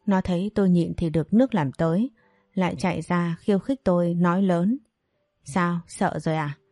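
Low mellow woman telling a comic story. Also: brisk, no echo, clean studio sound. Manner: lively, exaggerated, self-mocking. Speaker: narrator. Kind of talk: first-person comic storytelling. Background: faint music.

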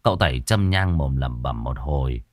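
Male ghost-story narrator, deep lively voice, dry close sound. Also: moderate pace, no echo.

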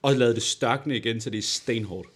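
A man's voice: mid-range voice, breathy edge. A man co-hosting a podcast, casually telling a personal story and acting out the people in it. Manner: animated storyteller, acts out quoted voices. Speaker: podcast co-host.

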